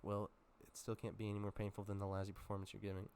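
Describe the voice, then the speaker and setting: A grumpy ogre as a man reads him out trades dry, mocking jabs. The voice is deep and level. A faint hiss sits in the background. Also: monotone, fast talker, vocal fry, a little mellow. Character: grumpy sarcastic male ogre.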